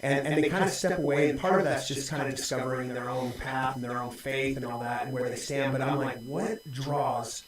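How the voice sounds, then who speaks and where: Pastor in his forties, mid-pitched, thoughtful and rambling, heavy room echo. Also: slight background noise. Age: 40s. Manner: reflective, many restarts and fillers. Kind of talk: casual conversation. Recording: very echoey room.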